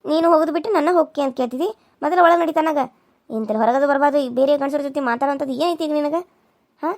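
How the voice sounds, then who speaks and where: A woman's voice: high voice, racing, lightly acted. A woman voicing a jealous, taunting elder sister-in-law in a cartoon serial, with a North Karnataka Kannada accent. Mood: scolding. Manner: sharp, taunting.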